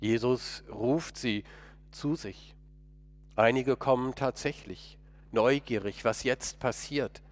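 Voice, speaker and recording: A man's voice: medium pitch, slow. A man delivering a first-person dramatic monologue sermon in an earnest, emotional, pleading way.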